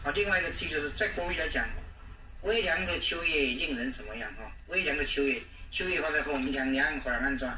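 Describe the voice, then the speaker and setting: A man with a Taiwanese accent teaching a language lesson, repeating words slowly and often trailing off with "ha" and "oh". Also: fairly high pitch, sharp tone. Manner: repetitive, drawn-out, frequent "ha, oh" fillers. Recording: echoey room, distant mic, faint noise.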